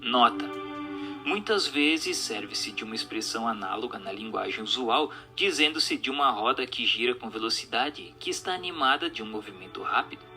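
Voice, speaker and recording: Over background music, a man narrates a spiritist book, reading its scripted questions and answers in a formal, didactic manner. His mid-range voice is expressive and moderately paced.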